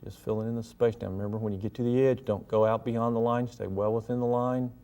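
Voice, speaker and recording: A man giving a gentle, folksy painting lesson, talking casually and step by step as he demonstrates. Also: mid-range voice, fairly even intonation, fast. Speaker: painting instructor and show host.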